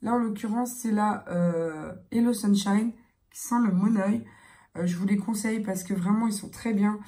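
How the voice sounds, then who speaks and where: A young woman chatting casually in a beauty vlog, halting and hesitant, her voice thick, congested and strained from tonsillitis and a sore throat. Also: medium pitch, warm tone. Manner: hesitant, halting, searching for words. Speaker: beauty vlogger.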